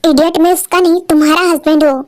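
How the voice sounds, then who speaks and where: A woman's voice: very high voice, fairly even intonation, fast talker, no echo, clean studio sound. A woman doing a curt, irritable young husband. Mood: angry. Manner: curt, scolding.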